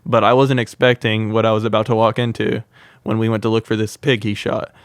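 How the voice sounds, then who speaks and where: With a lowish voice that runs a little fast, clear and resonant, a young man who makes wildlife content tells wild stories as a podcast guest, saying "like" often. It's clean studio sound without echo.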